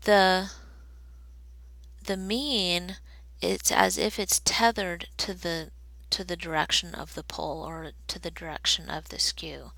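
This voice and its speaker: A woman's voice: lowish voice, steady tone, gravelly, a bit bright, dry recording, poor audio. A woman teaching a recorded statistics lesson, explaining step by step while she draws graphs. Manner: slow, deliberate explaining while drawing on a graph.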